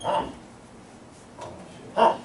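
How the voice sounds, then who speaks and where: A man's voice: extremely slow, slight background noise. A man teaching a classroom, playful, laughing easily and counting results aloud. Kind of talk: classroom lecture. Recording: echoey classroom, mic at a distance.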